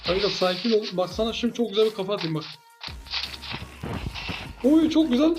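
A man giving excitable gameplay commentary as a gaming YouTuber, teasing his opponent with playful trash talk. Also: high-pitched, very fast, music in the background, low-quality recording.

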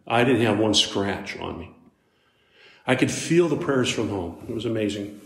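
Guy doing a motivational talk to a room full of kids, chatty, jumps up loud and high now and then, echoey hall. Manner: animated storyteller with sudden jumps up in pitch and loudness; conversational, with asides to the audience. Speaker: motivational speaker. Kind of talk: live storytelling talk to a youth audience. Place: large hall with a live audience. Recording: roomy live hall sound.

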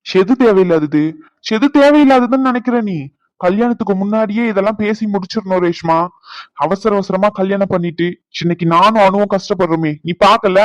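Cartoon role: man voicing angry young friend, quick-talking, dry close sound. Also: high voice, no echo, dull audio, natural voice. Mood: lecturing. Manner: indignant, lecturing. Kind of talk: cartoon voice acting.

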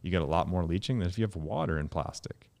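A man in his thirties, a guest scientist on a podcast, explaining in an animated way and jumping up in pitch to stress points, recorded in a dark studio on a studio mic. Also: quick pace, vocal fry. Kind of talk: podcast conversation. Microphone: studio mic with headphones.

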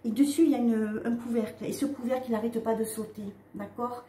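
A woman giving a casual spiritual card reading, talking straight to her viewers in a halting way with frequent "hein" and "d'accord" tags. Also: on the high side, steady tone, warm tone. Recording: echoey room with faint ambient noise.

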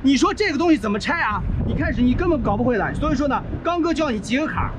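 Blunt high-voiced trucker man outdoors. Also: lively intonation, very fast, background noise. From China. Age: middle-aged. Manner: blunt, swears freely, teaches step by step. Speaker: trucker vlogger. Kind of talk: casual how-to commentary while repairing. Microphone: body-worn action camera.

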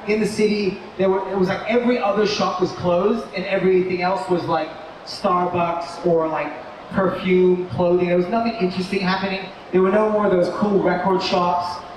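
A man giving a relaxed, rambling live talk as a toy company co-founder. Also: high-pitched, normal speed. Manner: relaxed, rambling with fillers and restarts. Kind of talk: casual live presentation. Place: large indoor shopping mall expo. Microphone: distant mic on a live talk. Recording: echoey mall hall, distant mic, crowd noise.

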